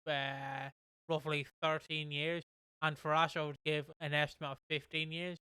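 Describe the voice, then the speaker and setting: A man's voice: fairly high pitch, little pitch movement, moderate pace, bright, forceful tone, clean tone, dry recording. A man hosting a casual podcast, rambling along with lots of fillers and restarts. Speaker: podcast host.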